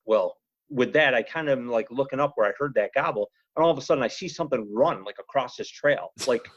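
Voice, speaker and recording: A man telling a story on a podcast in a rambling, animated way, full of "you know" and "he goes". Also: mid-range voice, fast, dry recording. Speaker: podcast guest. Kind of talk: casual storytelling. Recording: slightly muffled podcast audio.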